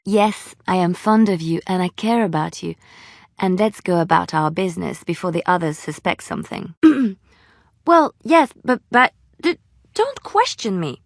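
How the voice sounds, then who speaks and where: A woman's voice: mid-range voice, no room sound. Leliana, an earnest woman bard, close and dry. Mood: flustered, hurt. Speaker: voice actor in a fantasy role-playing game. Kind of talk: dramatic video game dialogue.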